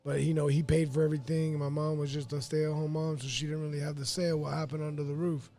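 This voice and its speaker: A man's voice: a little high, flat delivery, fast talker, mellow. A young man from Florida as a podcast guest, talking candidly and rambling with fillers in a casual interview. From Pine Hills, Florida. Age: young adult.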